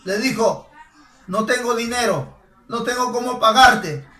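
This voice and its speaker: A man preaching a sermon emphatically, asking rhetorical questions and rising to shouts. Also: very high voice, a little slow, soft background music. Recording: echoey room, voice from a distance.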